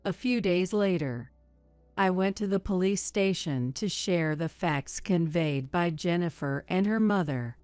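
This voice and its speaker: Casting: woman narrator, low and dry, with soft music under her. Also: unhurried, clean tone, dry recording. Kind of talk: scripted narration.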